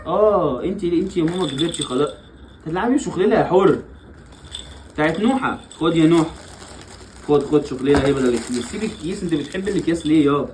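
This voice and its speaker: Playful Egyptian dad, very lively pitch. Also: male voice, fast talker, a little hiss or hum, poor audio. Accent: Egyptian Arabic. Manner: playful and coaxing, laughs often. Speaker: father and vlogger. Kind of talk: family vlog, playing with young children.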